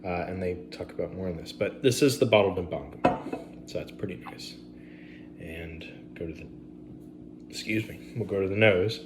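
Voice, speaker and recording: Low-voiced man reviewing bourbon casually. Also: brisk, few pauses, background noise. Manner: relaxed, rambling, many fillers and asides.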